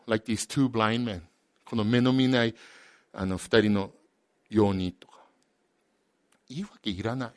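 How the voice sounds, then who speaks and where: Brief: male pastor, bilingual sermon, mid-pitched, dry close sound, passionate peaks and hushed drops. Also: dry recording. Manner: alternates each point between two languages; emphatic, rising to loud passionate peaks.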